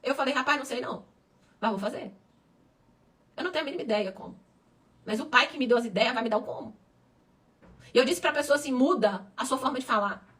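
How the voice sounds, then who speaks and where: A woman's voice: high voice, quick pace, pauses often, fairly bright tone, far from the mic. A middle-aged woman pastor preaching a sermon with passion, repeating words for emphasis and rising to cries.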